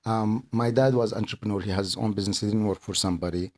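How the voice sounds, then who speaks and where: A middle-aged man from Kuwait talks as an interview guest, earnest and a little halting, often circling back over his words. His voice sits on the low side. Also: fairly even intonation, darkish tone. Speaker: podcast guest, accountant and business owner. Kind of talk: casual interview talk.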